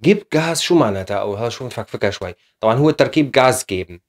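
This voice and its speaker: A man's voice: mid-range voice, lively intonation, rapid-fire. A man teaching German in a casual video lesson, explaining step by step with frequent fillers.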